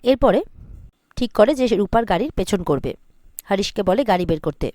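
A woman's voice: mid-range voice, animated, a little mellow, dry recording. Dry-voiced woman recapping a serial. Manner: brisk retelling with frequent "she says" tags. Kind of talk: casual spoken episode recap.

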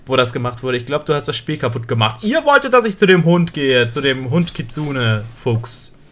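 A woman's voice: rumbling low, very animated, normal speed, fairly bright tone. A woman streamer chatting casually, reading game text aloud and asking her viewers questions. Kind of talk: casual live game commentary.

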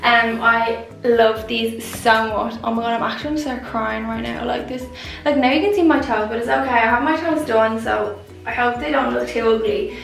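A woman's voice: a little high, steady tone, moderate pace, vocal fry, recorded from a distance. A young woman with an Irish accent, chatting casually through a clothing try-on haul. She rambles and fills her talk with "like", and she sits well back from a camera set up across the room. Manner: chatty and rambling, heavy use of "like". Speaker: vlogger. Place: room at home. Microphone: camera set up at a distance. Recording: echoey room, voice off-mic, faint music.

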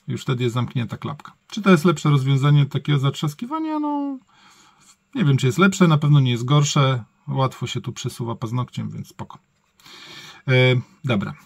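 A man's voice: mid-range voice, creaky, slightly rough, no echo. A man giving a casual, improvised hands-on gadget review, thinking aloud in colloquial words and often correcting himself. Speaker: product reviewer.

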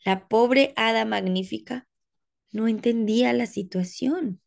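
A woman reading a rhyming picture book aloud for children in an expressive, sing-song way. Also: fairly high pitch, a little slow, creaky. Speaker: storybook reader.

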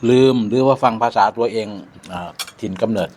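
A man's voice: mid-range voice, brisk, darkish tone, slight background noise. A man with an Isan accent chatting reflectively over a meal, using many polite particles. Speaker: vlogger. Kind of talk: casual chat over a meal.

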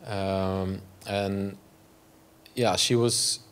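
Giving an artist talk in a gallery room, a Belgian man in his forties speaks with a Flemish accent, Dutch being his first language, through a lapel mic. He halts often with fillers and restarts. His deep voice is level, clear and resonant.

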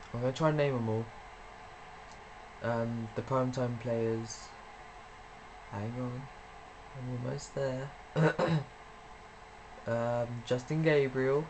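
A young man talks loosely over his gameplay at home, rambling from thought to thought at an ordinary middle pitch. He curses freely whenever a move goes wrong. A faint hiss sits under his voice. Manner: chatty, rambling, swears when frustrated. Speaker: gaming YouTuber. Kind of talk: casual gameplay commentary.

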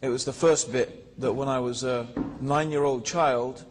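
A man telling his personal story in a religious talk, measured and pausing with fillers. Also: mid-range voice, fairly even intonation, noisy background. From England. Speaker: guest speaker. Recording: reverberant lecture hall.

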